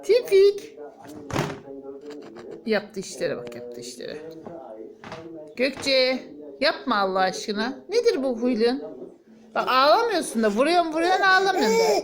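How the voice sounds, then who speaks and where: A young mother coos and scolds her baby in sing-song baby talk. Her voice sits high and swoops all over the place. She takes her words slowly and draws them out. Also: huge pitch swings, crowd noise.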